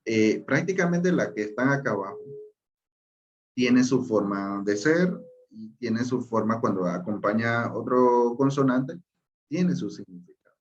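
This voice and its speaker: Slow, patient male language teacher. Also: medium pitch, lively intonation, highs cut off. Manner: patient, repeats points and checks in with listeners. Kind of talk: slow explanatory lesson.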